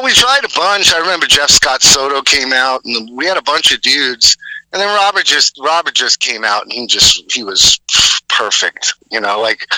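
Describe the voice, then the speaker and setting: Male guest heard over the phone, very bright, dry sound, loose and rambling. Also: mid-range voice, dry recording. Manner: rambling, many fillers and restarts. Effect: heard over a phone line. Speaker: musician guest. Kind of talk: phone interview.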